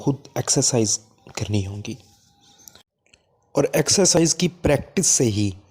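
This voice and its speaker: A man teaching an English grammar lesson, explaining in Hindi-Urdu with frequent fillers and reading English examples slowly. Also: fairly low pitch, a little mellow, slightly rough. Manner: frequent "theek hai" and "a" fillers.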